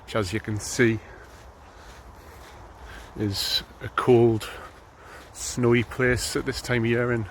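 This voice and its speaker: Speaking slowly and pausing often, a man with a mid-range voice chats while running on a snowy morning. The running vlogger is in his thirties and from North East England, relaxed and rambling with many ums. His handheld camera adds a little hiss or hum.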